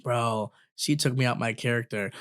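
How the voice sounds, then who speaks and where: A man in his twenties telling stories in a casual podcast chat, animated and full of swearing, acting out what other people said. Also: medium pitch, normal speed, smooth. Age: 20s. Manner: animated, swears a lot, acts out quoted voices. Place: recording studio.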